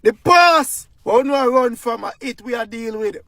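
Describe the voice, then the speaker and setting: A Jamaican man rants through political commentary in thick patois, firing off rhetorical questions. His voice sits high and carries a gravelly rasp. The sound is dry, with no room echo. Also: lively intonation, a little slow, pushed and bright.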